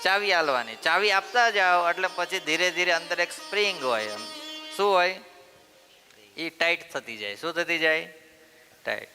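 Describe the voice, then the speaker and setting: A man's voice: fairly high pitch, expressive, moderate pace, pauses often. A man with a Gujarati accent giving a devotional storytelling sermon in a temple, asking his listeners questions and answering them himself. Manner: asks the audience questions and answers them himself, playful teaching tone. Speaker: preacher telling a religious story. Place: temple hall. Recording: temple hall reverb with soft instrumental music behind.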